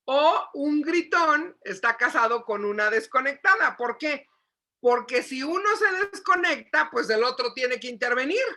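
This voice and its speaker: Woman, psychologist, lively parenting lecture, high voice, bright tone. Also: measured pace. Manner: animated, asks the audience questions, acts out shouting. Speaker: psychologist giving a parenting talk.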